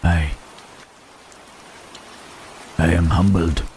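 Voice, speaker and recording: Man voicing deep, halting Frankenstein's Monster. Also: little pitch movement, darkish tone. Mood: humbled, disbelieving. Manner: halting, hesitant, repeats words, murmured tag questions. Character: lonely, humble, gentle-hearted male monster, Frankenstein's creature. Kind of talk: slow intimate ASMR roleplay acting. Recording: rain and thunderstorm noise behind. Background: rain and thunder.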